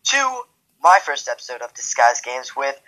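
A man's voice: mid-range voice, sing-song, normal speed, sharp tone, rough recording. A young man greeting viewers in an upbeat casual chat before a game. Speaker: gamer intro host.

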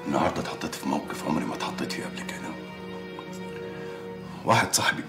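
A brooding gravel-voiced man. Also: extremely low pitch, expressive, very fast, music in the background, heavily acted. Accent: Egyptian Arabic. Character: troubled man confiding about a friend's marriage. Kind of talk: TV drama acting.

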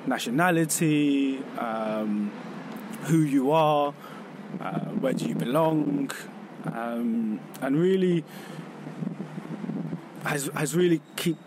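A Vietnamese man with a voice on the high side gives reflective personal testimony as an exhibition contributor. Standing outdoors on a city street, he is thoughtful, pausing and correcting himself. Traffic makes the street recording noisy.

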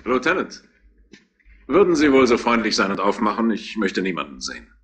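A man's voice: fairly low pitch, very animated, moderate pace, fairly bright tone, breathy edge, full character voice. A man playing an elegant, cunning psychiatrist in a 1960s radio crime drama, aloof and lecturing. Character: elegant, cunning male psychiatrist, cool and condescending. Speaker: doctor.

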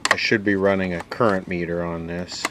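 A low-voiced man talks a little fast while he repairs old electronics as a video host. He mutters, thinks aloud, and keeps the commentary casual and spontaneous, with a steady hum of background noise throughout.

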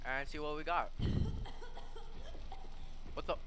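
A young man streaming horror games, scared and jumpy, bursting into yells and exclamations as he reacts into a headset mic. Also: on the high side, fairly even intonation, slow pace. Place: small indoor room at home. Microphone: headset microphone. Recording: clearly noisy gaming headset recording.

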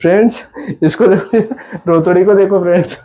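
Teasing young man with a husky voice. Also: high voice, a little fast, dark tone. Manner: teasing, chuckling, talks to viewers. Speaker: vlogger, husband doing a prank. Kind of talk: casual home vlog.

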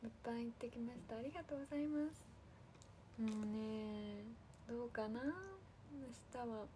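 A woman chatting on a livestream to her fans, casually thanking viewers one by one in a soft, friendly way. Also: a little high, steady tone, moderate pace, slight background noise. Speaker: idol livestream host.

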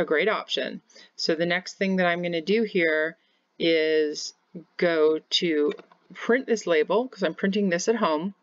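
A woman's voice: fairly low pitch, no room sound, muffled recording. Woman explaining labels step by step. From Kansas, United States. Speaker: home bakery business teacher. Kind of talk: screen-share software tutorial. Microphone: webcam in corner of screen share.

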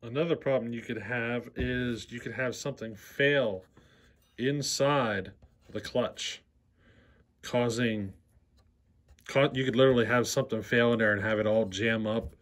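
With a steady, fairly bright medium-pitched voice, the host of a chainsaw repair channel shows a repair at his workshop bench. His pace is unhurried and his talk plain, with frequent questions of "see how".

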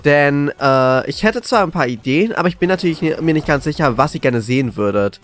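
A man commentating live on a horror game as a scared, jittery streamer, excitable and often repeating words. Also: a little high, fairly quick, soft background music. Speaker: gaming video creator.

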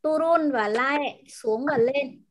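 A woman teacher in an online class, patiently explaining words and pronunciation and repeating them slowly over a video call. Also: high voice. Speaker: language teacher.

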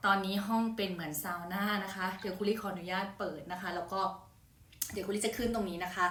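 A young woman teaching an English phonics lesson in a friendly, polite, chatty way, slowing down to show each word. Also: mid-range voice, fairly bright tone. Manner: chatty, polite, slow deliberate word demonstrations. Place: hot room. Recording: roomy echo, voice from a distance.

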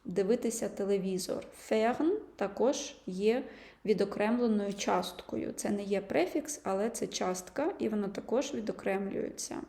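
A woman teaching a language lesson, patiently explaining and slowly sounding out example words. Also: medium pitch, warm tone, reverberant. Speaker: German teacher.

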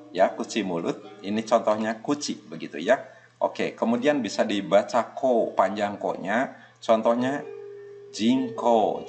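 Patient male Japanese teacher, lowish voice. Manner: patient, repeats checks like "gitu ya", laughs softly. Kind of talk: online language lesson.

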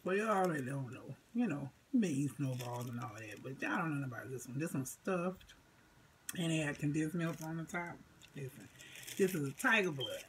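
Lady from florida eating and chatting to her phone, lively and loud with it, little hiss behind. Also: sits low, normal speed, poor audio. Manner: animated, chatty, lots of exclamations and laughs. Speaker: food vlogger. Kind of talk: casual mukbang chat to camera.

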